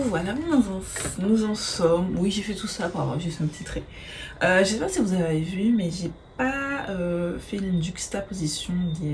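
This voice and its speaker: Casting note: woman, low-ish voice, chatty makeup vlogger who hesitates a lot and swears casually, slight background hiss. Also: darkish tone. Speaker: beauty vlogger. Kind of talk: casual makeup tutorial chat.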